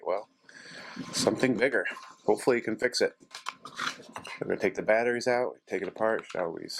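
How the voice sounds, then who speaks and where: Thinking out loud while he works, a middle-aged DIY repair vlogger leads a casual, unassuming tutorial in a lowish, creaky voice. The steady noise of a running 3D printer fills the background.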